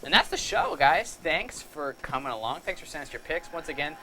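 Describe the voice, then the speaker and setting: A man's voice: a little high, very animated, fairly quick, pushed and bright, a little hiss or hum, low-quality recording. A man hosting a casual live show, upbeat and reading viewer comments aloud. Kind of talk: casual live-stream chat.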